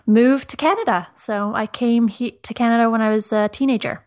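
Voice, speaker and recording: A woman's voice: fairly high pitch, steady tone, fairly quick, a little mellow. Upbeat woman from Ireland chatting. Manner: upbeat, laughs easily. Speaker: trivia podcast guest. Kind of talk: casual chat on a remote call. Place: home near Toronto.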